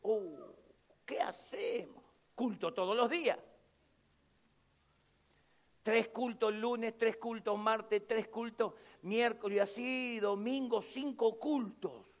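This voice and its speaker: Brief: Rioplatense pastor, emphatic preaching, unusually high voice for a man. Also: takes it slowly, long pauses. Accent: Rioplatense Spanish. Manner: emphatic, addresses the congregation directly. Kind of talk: sermon.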